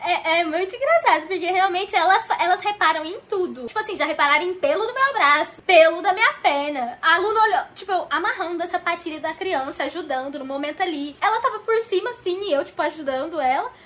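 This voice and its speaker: A woman, a ballet teacher for toddlers, telling animated stories in a casual podcast chat and laughing often. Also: very high-pitched, fast talker, few pauses.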